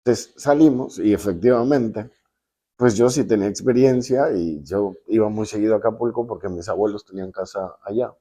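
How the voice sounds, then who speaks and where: A man's voice: fairly low pitch, fairly quick. A Mexican man in his fifties telling a personal story casually, acting out the voices of people he quotes in slangy, salty speech. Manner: lively, acts out quoted voices, slangy and profane.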